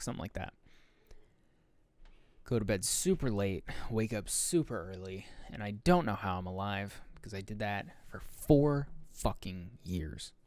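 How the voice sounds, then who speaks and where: A man's voice: low voice, darkish tone. A young man hosting a solo podcast, rambling loosely through a casual monologue, swearing often and correcting himself as he goes. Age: young adult. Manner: rambling, loose and profane, with many fillers and self-corrections. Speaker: podcast host.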